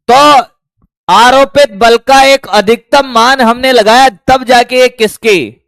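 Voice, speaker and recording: A man's voice: sits high, a bit bright, smooth, no echo. A man teaching physics to a class, often calling students "beta" and firing repeated check questions at them. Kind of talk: classroom lecture.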